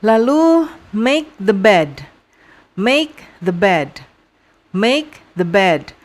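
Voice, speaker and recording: A young woman with an Indonesian accent runs a vocabulary lesson for young students. She speaks at an unhurried, deliberate pace in a mid-pitched voice, repeating each phrase patiently. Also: big pitch swings. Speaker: English teacher.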